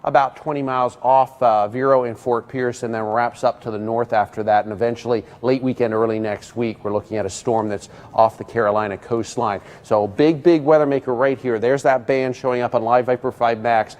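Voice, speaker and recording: An American man working as a TV meteorologist, ad-libbing live storm commentary in halting phrases with many pauses. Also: medium pitch, steady tone, a little mellow. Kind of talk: live ad-libbed weather commentary.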